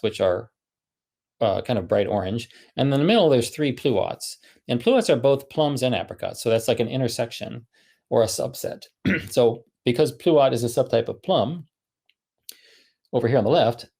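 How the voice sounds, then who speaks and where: A man's voice: mid-range voice, vocal fry, a little mellow. A man giving a technical conference talk, thinking aloud with many fillers and restarts. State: running out of breath. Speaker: conference speaker.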